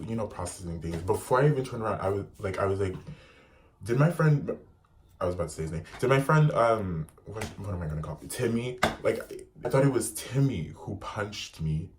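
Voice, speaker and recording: A young man telling a personal story in a vlog, animated and profane, packing his sentences with "like.". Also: deep voice, slight background noise. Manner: animated and profane, heavy use of "like". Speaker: vlogger.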